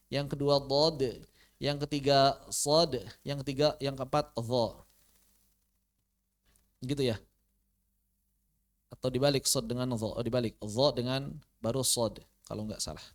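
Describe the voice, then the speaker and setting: A Quran recitation teacher giving an online tajwid lesson, asking rhetorical questions, answering them, and slowly sounding out Arabic letters as examples. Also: mid-range voice, fairly even intonation. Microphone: online class recording.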